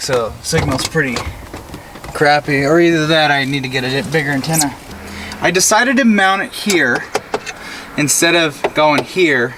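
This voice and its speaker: A young adult American vlogger with a fairly high-pitched voice chats casually in laid-back slang while doing a DIY install on his truck. He's recorded in the parked pickup's cab, door open, by a camera an arm's length or more away, with clear road and vehicle noise outside.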